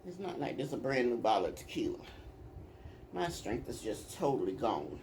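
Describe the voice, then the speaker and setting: A woman's voice: a bass voice, very animated, normal speed, darkish tone, a little hiss or hum. A woman hosting her own eating video, chatting casually and directly to her viewers. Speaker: mukbang vlogger. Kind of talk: casual chat to camera.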